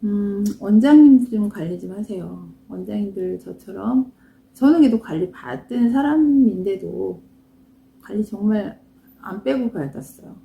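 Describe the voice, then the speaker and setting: Gravelly-voiced woman in an echoey room. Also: medium pitch, animated, normal speed, narrow, tinny audio. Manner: chatty, anecdotal, frank and self-mocking. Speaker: esthetics instructor. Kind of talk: candid lecture to salon owners.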